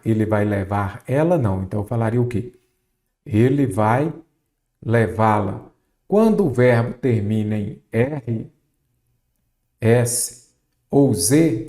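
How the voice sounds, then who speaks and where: A mellow, warm-voiced man gives an exam-prep grammar lesson. He keeps asking questions and answering them himself, stretching out the words he wants to stress, at a mid pitch. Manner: drawn-out stress on key words. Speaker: Portuguese teacher.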